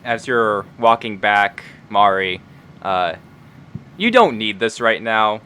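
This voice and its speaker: A man with a low voice narrates a tabletop role-playing game as game master. Music plays behind him. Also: animated, takes it slowly, sharp tone, a little hiss or hum.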